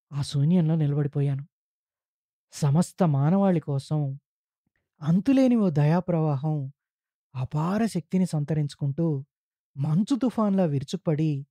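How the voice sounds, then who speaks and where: A man narrating a literary short story for a podcast, with slow, solemn, deliberate phrasing. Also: on the high side, warm tone, no echo.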